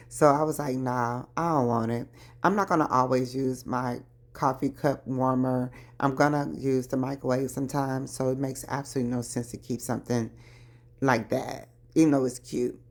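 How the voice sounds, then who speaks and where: Casting: low-pitched middle-aged woman, chatty home vlogger, early morning voice. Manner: chatty, addresses viewers as y'all. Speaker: lifestyle vlogger. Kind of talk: casual chat while decluttering.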